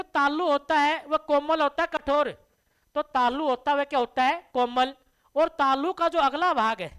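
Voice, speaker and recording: A woman's voice: sits high, fairly bright tone. A woman teaching a classroom grammar lesson, asking the class questions and answering them herself to drill the terms. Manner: addresses listeners as dear children.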